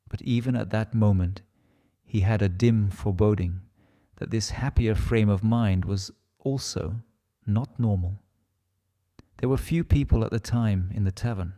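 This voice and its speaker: A man's voice: lowish voice, dark tone. A man with a Russian accent reading literary fiction aloud as a scripted audiobook narration.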